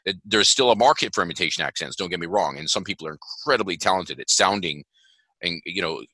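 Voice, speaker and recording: A man with a low, very forceful and bright voice stresses his points in an interview, doubling back and restarting as he goes. The sound is dry and close, with no room around it. He speaks as a voice agency founder. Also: fast talker, no echo. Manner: emphatic, earnest, many restarts. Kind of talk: podcast interview.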